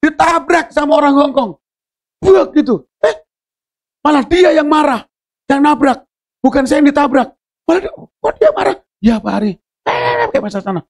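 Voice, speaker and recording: A man preaching a sermon at a church service, telling stories with jokes and swinging from low murmurs to shouted preaching. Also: very animated, normal speed, gravelly. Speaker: pastor.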